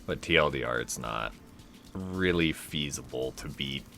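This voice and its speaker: Laid-back male let's play host, very deep yet bright voice with gravelly edge, chatting casually through a game. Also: expressive, a little slow, soft background music. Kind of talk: casual gameplay commentary.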